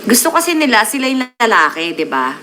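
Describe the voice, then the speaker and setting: A woman's voice: fairly high pitch, very animated, brisk, sharp tone, a little hiss or hum, poor audio. A woman hosting a casual live stream, chatting with her viewers and mixing English words into her Tagalog.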